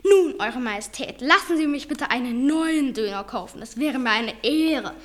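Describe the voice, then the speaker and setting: A woman's voice: sits high, expressive, normal speed, fairly bright tone. A woman doing a fussy old police sergeant. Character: plump old police sergeant, fawning and flustered.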